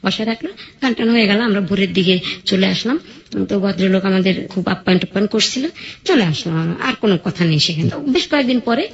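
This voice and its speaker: A woman tells her life story on the radio, quick and lively. She acts out the voices of the people she describes. The recording sounds dull and lo-fi. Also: medium pitch.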